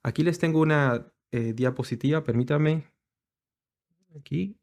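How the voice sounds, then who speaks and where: A man giving a teaching sermon over slides, explaining slowly with many pauses and restarts. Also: fairly high pitch, a little mellow. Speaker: congregation teacher.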